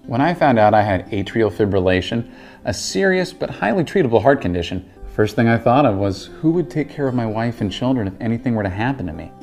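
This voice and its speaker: A man's voice: mid-range voice, lively intonation, fast talker, darkish tone, faint music behind, lightly acted. A man playing an earnest, worried husband in a parody drug commercial testimonial.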